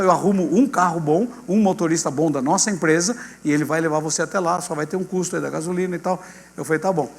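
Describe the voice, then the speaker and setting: A male pastor with a Brazilian accent tells a testimony from the pulpit, voicing each person in the story with lively turns. His voice sits high for a man and rings out with a long hall reverb. A low mains hum runs underneath. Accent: Brazilian Portuguese. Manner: animated storyteller acting out dialogue, addressing congregation as "gente".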